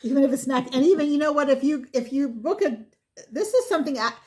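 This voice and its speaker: A woman's voice: sits high, fast, a little mellow. A woman in casual chat who listens with many mm-hmms and chimes in with comments. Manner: chatty listener, frequent mm-hmms.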